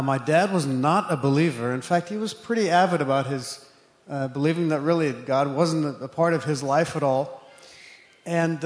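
A man from Zimbabwe speaking as a guest missionary in church, earnest and often hesitating. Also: fairly high pitch. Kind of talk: testimony talk. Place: church sanctuary. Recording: echoey room with long reverb.

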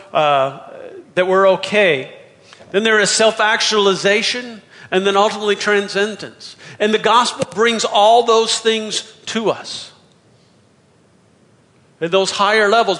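A man's voice: high-pitched, pushed and bright. A man preaching a conversational sermon to his congregation, often restarting his phrases. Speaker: pastor. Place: church sanctuary. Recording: reverberant church hall.

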